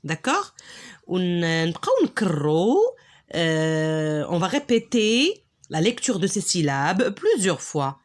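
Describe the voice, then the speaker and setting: Patient Moroccan woman teaching reading. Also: fairly low pitch. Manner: slow, drawn-out syllable drills, patient and encouraging. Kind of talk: reading lesson, code-switching.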